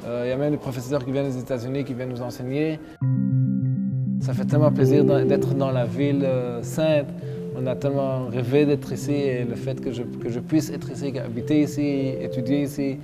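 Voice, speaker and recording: A man's voice: medium pitch, flat delivery, fairly quick. A man, a university student, speaking earnestly and hesitantly with fillers. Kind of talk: testimonial interview. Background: loud plucked guitar music.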